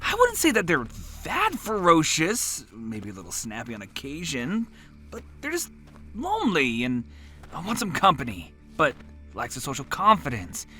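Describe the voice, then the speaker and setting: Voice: mid-range voice, sharp tone. An actor voicing a courteous but awkward forest stranger who turns flustered and defensive. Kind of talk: comedic fantasy audio drama.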